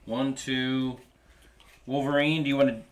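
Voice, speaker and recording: A man's voice: medium pitch, flat delivery, measured pace. A man chatting casually as a player during a tabletop game, talking through moves.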